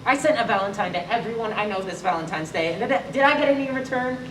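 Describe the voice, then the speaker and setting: A man's voice: sits high, quick pace, background noise, close to an everyday voice. A young man playing a nervous, gloomy boy in a stage musical. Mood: dejected. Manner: sings with piano, talks himself through worries. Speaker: stage actor. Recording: echoey theater from far off, piano.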